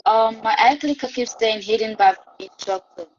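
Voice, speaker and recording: A woman's voice: on the high side, moderate pace, a little hiss or hum. A woman student asking a hesitant question in an online class over a choppy connection that breaks up. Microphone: video call. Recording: dull lo-fi call audio.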